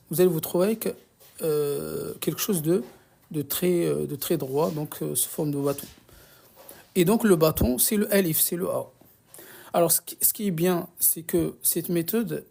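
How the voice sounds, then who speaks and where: Warm, gravelly teacher on a live stream. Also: mid-range voice. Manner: patient, repeats and restarts, checks in with "d'accord?"; slips in Arabic blessings. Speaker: Arabic reading teacher. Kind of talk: live online lesson.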